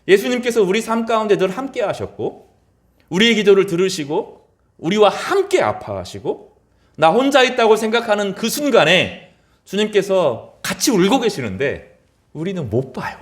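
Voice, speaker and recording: Animated male pastor preaching. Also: normal speed. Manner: animated preaching, voice rising high in acted quotes and dropping low at phrase ends. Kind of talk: sermon.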